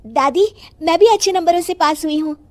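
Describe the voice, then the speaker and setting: A woman's voice: very high voice, fairly quick, voice pushed up. A woman voicing an earnest, meek young schoolgirl granddaughter in a moral story, with a pleading, eager manner.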